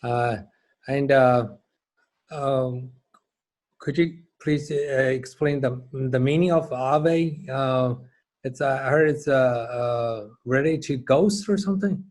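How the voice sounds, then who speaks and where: A man's voice: mid-range voice, takes it slowly, a little mellow. Polite, hesitant male interviewer. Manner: polite, hesitant questioning with fillers. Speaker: host, interviewer. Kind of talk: interview questions.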